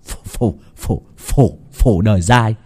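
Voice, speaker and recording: A man's voice: fairly low pitch, slow pace, mellow, slightly rough. A man playing a stuttering mocking son-in-law.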